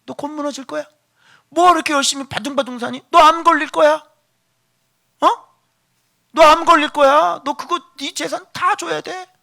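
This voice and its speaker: Male pastor, sermon; piercing, sharp tone, hammering rhetorical questions, swings loud to hushed. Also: steady tone, moderate pace, gravelly, pauses often. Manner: swings between loud exhortation and hushed low delivery.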